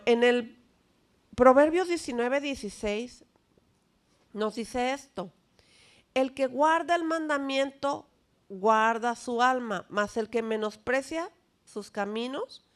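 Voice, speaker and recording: Woman pastor, fairly high voice, unhurried emphatic sermon with questions to the flock. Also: animated. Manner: slow, emphatic teaching with questions to the congregation. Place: church.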